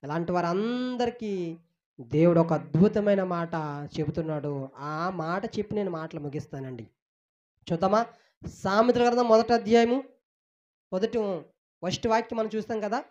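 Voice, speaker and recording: A woman preaching an emotional sermon, reading scripture and repeating phrases with loud rebukes and hushed pleading. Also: mid-range voice, normal speed, pauses often, highs cut off. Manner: emphatic, repetitive, swings between loud rebuke and hushed pleading.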